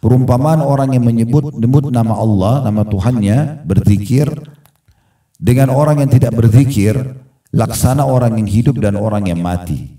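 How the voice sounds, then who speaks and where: Male preacher, dark mellow tone, unhurried and repetitive, heard from afar in an echoey hall. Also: mid-range voice. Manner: explains slowly, repeats phrases, recites Arabic verses. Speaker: Islamic preacher. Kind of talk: religious lecture to a congregation. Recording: echoey room, voice from a distance.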